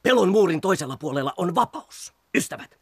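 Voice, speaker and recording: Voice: medium pitch, big pitch swings, slightly rough. A preachy lecturing hare. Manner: solemn, lecturing. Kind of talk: radio play acting.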